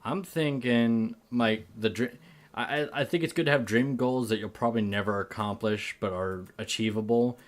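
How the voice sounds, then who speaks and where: A man's voice: mid-range voice, moderate pace. A man co-hosting a podcast, talking in a laid-back, chatty way with frequent fillers. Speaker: podcast co-host. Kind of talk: casual chat.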